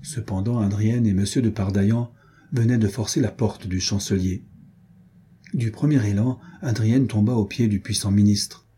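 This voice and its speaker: A man reading a historical novel aloud in a measured, even storytelling manner. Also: lowish voice, husky. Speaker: audiobook narrator.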